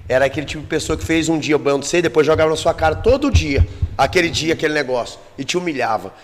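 A man's voice: fairly high pitch, lively intonation, very fast, big-room sound, soft background music. A man with a Brazilian Portuguese accent in a casual podcast chat, telling a personal story bluntly and emotionally with plenty of swearing. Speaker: guest telling his life story.

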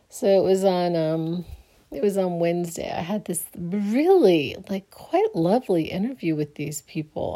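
Sleepy, rambling woman with a mellow voice. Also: on the low side. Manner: rambling, many fillers and restarts. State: sleepy, yawning. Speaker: counselor. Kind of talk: casual personal vlog.

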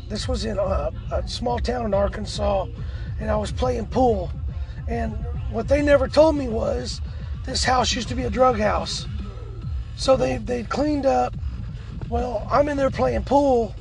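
A man co-hosts a podcast with a voice that is nearly gone, hoarse and cracking. It sits unusually high and is full of gravelly creak. He chats casually and agreeably, with music behind him. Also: rough recording. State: hoarse, lost his voice. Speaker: podcast co-host. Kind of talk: casual chat.

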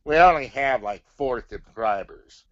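A man voicing a jaded, blunt female rat puppet with deadpan sarcasm in a comic ventriloquist skit. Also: medium pitch, a little slow, no echo, dull audio. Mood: fed up.

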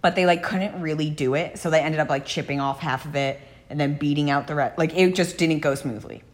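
A woman's voice: deep voice, fairly even intonation, fairly quick. A woman hosting a true crime podcast, telling the case in a casual, blunt way with frequent swearing. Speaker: podcast host.

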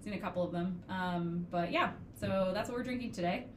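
A woman's voice: lowish voice, brisk, a little hiss or hum. Easygoing young woman in an echoey room. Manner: easygoing, explains with fillers. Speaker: podcast co-host. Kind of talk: casual chat.

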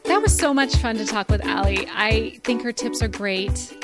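A woman's voice: fairly high pitch, moderate pace, loud music behind the voice. A woman co-hosting a podcast, speaking with casual enthusiasm and reading the show's sign-off. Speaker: podcast co-host.

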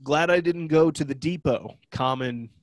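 A young Ohio man co-hosts a podcast, his fairly high voice moving at a moderate pace. A cold leaves him nasal and stuffy as he jokes and rambles through loose, casual chat.

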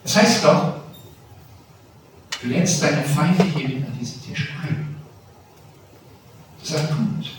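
A man pastor giving a lively sermon, slowing down on key phrases and swelling loud at times, recorded in a large church hall. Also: fairly high pitch, background noise. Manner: lively preaching with slow, stressed phrases and sudden swells in volume. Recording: very echoey church from a distance.

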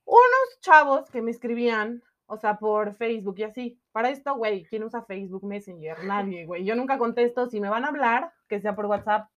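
A young Mexican woman tells a story on a podcast in relaxed, slangy talk, piling on fillers as she goes. Her voice sits a little high, and the recording sounds slightly dull and muffled. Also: a little fast, hardly any pauses. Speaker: podcast co-host. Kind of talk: casual chat.

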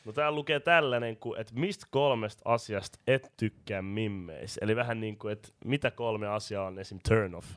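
A man's voice: fairly low pitch, few pauses. A young man co-hosting a podcast in laid-back casual chat, reading out questions in slang. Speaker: podcast co-host.

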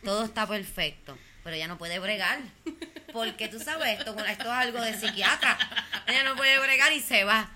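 A young woman with a Puerto Rican accent hosts a casual podcast in an animated, teasing way, circling back over the same phrases. Her voice is very bright and forward. A faint hiss sits under the recording. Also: on the high side, normal speed. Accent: Puerto Rican Spanish. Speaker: podcast host.

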